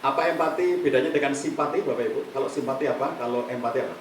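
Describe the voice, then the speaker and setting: A middle-aged man leads a counseling workshop at an even, middling pitch. He talks in a lively way and slips into quoted voices to act out his examples. The voice comes from some way off the mic in an echoey room with a faint room hum behind it. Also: rapid-fire, far from the mic. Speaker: counseling trainer. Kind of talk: live workshop talk. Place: meeting room with a live audience.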